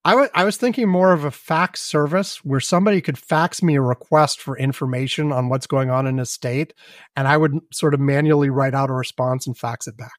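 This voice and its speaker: A man's voice: mid-range voice, a little fast, no echo. Wry, rambling man on a dry podcast mic. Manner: rambling, wry, swears casually. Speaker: podcast co-host. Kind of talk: casual podcast chat.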